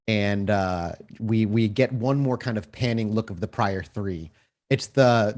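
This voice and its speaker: A man runs a tabletop roleplaying game as game master and storyteller, narrating in wordy, cinematic detail and putting questions to his players. His voice is on the low side and a little mellow.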